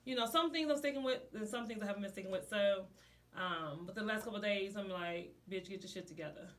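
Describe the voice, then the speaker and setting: A woman's voice: mid-range voice, fast, a little hiss or hum. A woman co-hosting a podcast, blunt and salty, with plenty of slang and swearing. She sits a little back from the microphone, so her voice sounds slightly distant. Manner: blunt, profane, casual slang. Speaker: podcast co-host. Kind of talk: casual chat.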